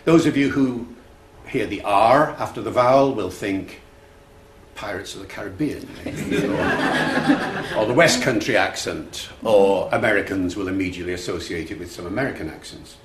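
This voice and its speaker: Speaking at normal speed in a voice on the low side, a man gives a public talk on language at a festival, mixing explanation and storytelling with the odd filler. The room is echoey, and background noise can be heard.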